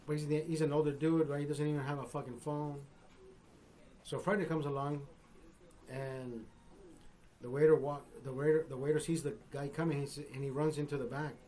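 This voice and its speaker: A man in his fifties with a warm, somewhat high voice hosts a live stream, spinning a long dirty joke in loose, profane talk. He laughs often between lines and keeps throwing in "bro" and "right?".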